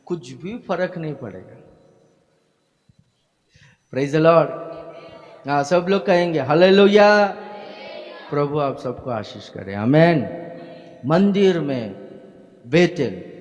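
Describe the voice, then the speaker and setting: A male pastor delivering a sermon in a slightly raised voice, punctuating his points with hallelujahs and questions put to the congregation. His voice rings out in a large church hall with a long, trailing reverb. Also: a little high. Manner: emphatic preaching with frequent hallelujahs and questions to the congregation.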